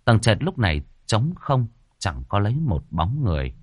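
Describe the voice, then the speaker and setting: A man narrating a horror fantasy novel as an audiobook with expressive, suspenseful storytelling. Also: lowish voice, moderate pace, slightly rough, no echo.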